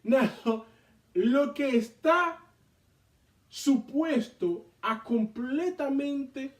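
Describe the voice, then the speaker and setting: A man leading a Bible study, reading scripture aloud and explaining it in an animated way to a responding group. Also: extremely high pitch, extremely slow. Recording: echoey room, mic far off.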